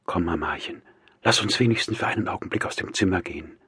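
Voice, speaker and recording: A man's voice: sits low, fast talker, pushed and bright, slightly rough, no echo, studio quality, heavily acted. A man voicing an earnest, proud young sister in an audiobook, speaking urgently. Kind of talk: audiobook character voice.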